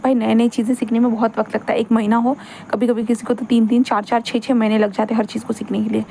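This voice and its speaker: A woman's voice: on the high side, flat delivery, fast talker, vocal fry, dark tone, slight background noise. A woman narrating a fan-fiction story in a chatty, rambling way, tossing in English words. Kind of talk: casual fan-fiction retelling.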